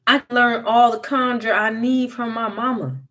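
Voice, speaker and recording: A clever, bold young country boy, as a woman reader plays him in a storybook reading. He hollers high and loud, his voice pushed up. He dares and bargains with a monster and keeps his nerve. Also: steady tone, normal speed, close to an everyday voice. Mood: defiant. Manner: loud hollering, raised pitch.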